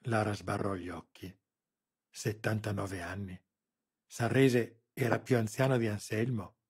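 Male audiobook narrator, husky, low, measured scripted narration. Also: steady tone, a little mellow.

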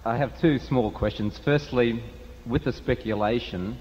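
A man's voice: medium pitch, a little slow, darkish tone, a little hiss or hum. A man in the audience asking a polite, formal question with a light joke. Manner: polite, formal, a little joking. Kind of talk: prepared question from the floor. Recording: dull hall recording with faint ambience.

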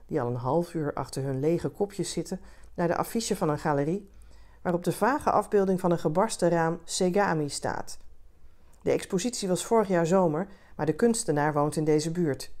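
A woman reads a literary short story aloud in a calm and measured manner. Her voice is slightly low, and the pace stays steady and even. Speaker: reader.

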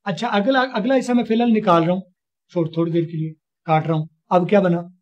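A male teacher from Pakistan runs an online spoken English lesson. His voice sits high for a man and comes through a muffled, lo-fi call. He drills the student with patient, repetitive questions. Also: steady tone, fast talker.

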